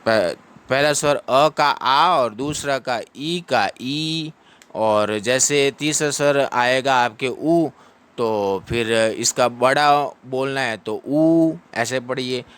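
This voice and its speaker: Man, Sanskrit recitation lesson, slow drawn-out chanting, smooth clear voice. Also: medium pitch, a bit bright. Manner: drawn-out syllable-by-syllable chanting between brisk explanations. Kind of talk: patient pronunciation lesson.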